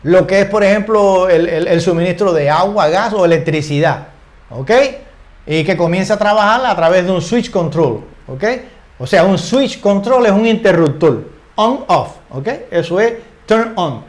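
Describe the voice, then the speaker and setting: With lively intonation and a notably high voice, an older male English teacher explains grammar in a relaxed, conversational way. He keeps using short tag questions to check in and trips over repeated words as he looks for the right phrasing.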